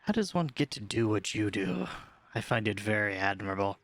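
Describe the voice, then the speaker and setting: A man acts out a morbid adventurer in a tabletop game. He speaks in a low voice, formal and courteous, full of earnest admiration. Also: animated, fairly quick, fairly bright tone. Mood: earnest, admiring. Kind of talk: tabletop role-play.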